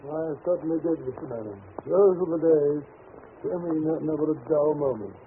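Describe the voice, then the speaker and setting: A man playing a genial older English doctor, high-voiced for a man, earnest and slightly bumbling. It is old radio drama acting, coming through a muffled vintage recording with faint noise. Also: normal speed, close to an everyday voice. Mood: fond, reminiscing.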